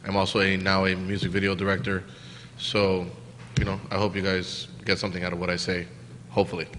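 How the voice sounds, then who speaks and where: A man's voice: sits low, monotone, brisk, fairly bright tone, slight background noise. A man who is a rapper, introducing himself on a panel in a laid-back, plain-spoken way. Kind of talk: live panel talk. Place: museum event hall before an audience. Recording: live hall reverb.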